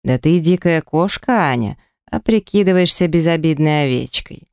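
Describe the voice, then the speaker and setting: A woman narrator puts on a dominant male beast shifter from a romance audiobook. He speaks slowly and commandingly with a mocking sneer. The voice stays smooth and is recorded close and dry. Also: deep voice, lively intonation, a little mellow, no room sound.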